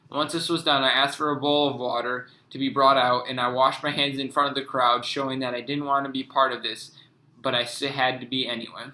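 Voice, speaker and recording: A man's voice: mid-range voice, bright, forceful tone, roomy sound, rough recording. A young man giving a class presentation, reading his written pieces aloud and stumbling over words with restarts.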